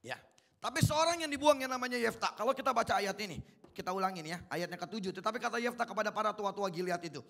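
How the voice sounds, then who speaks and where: A man's voice: high voice, fast talker, gravelly, fairly bright tone. A male pastor giving an interactive sermon in a colloquial way, quizzing the congregation with repeated questions.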